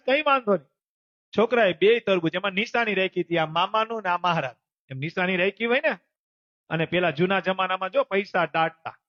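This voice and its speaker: A man tells a devotional story from the pulpit, his voice pitched high for a man. He acts out the figures in the tale, lifting and dropping his voice as each one speaks. The recording is dull and lo-fi. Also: no room sound. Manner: animated, voices the characters in the story with quick pitch jumps. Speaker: preacher telling a devotional story. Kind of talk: Gujarati devotional storytelling sermon.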